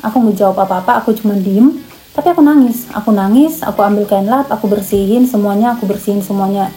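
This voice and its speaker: A woman's voice: mid-range voice, fast, dark tone, low-quality recording. A young woman from Indonesia telling a personal story in a casual, emotional vlog, repeating herself as she goes. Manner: emotional, repetitive, chatty. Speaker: vlogger.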